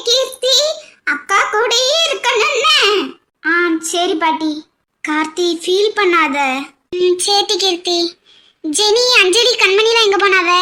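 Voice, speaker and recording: A woman's voice: extremely high pitch, pushed and bright. A woman voicing every character in a cartoon family drama, switching between weepy and teasing relatives.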